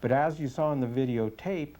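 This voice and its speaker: A man speaks as a police sergeant giving testimony, his medium-pitched voice carrying a dark tone. Earnest and deliberate, he answers the interview questions plainly and without fuss.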